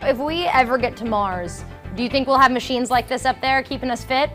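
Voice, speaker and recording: A woman reporter asking questions in an on-location interview, curious and lively. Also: sits high, fairly quick, faint music behind.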